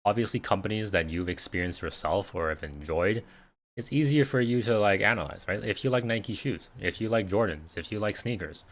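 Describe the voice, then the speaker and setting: A man with a fairly low voice talks fairly quickly while hosting a casual livestream Q&A about investing. Cantonese is his first language, and he rambles, with plenty of fillers and restarts.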